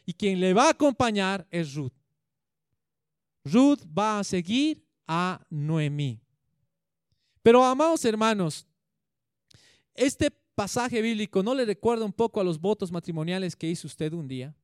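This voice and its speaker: A man preaches a sermon in a high, resonant voice. He retells scripture and turns to his listeners with questions. The sound is dry and close, with no room echo. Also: expressive, unhurried, pauses often, clear, resonant tone.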